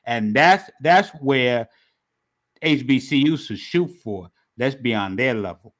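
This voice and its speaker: Bright-voiced man in quick sports banter. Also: medium pitch, lively intonation. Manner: quick, slangy, talks over his co-host. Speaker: podcast co-host. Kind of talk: casual sports chat.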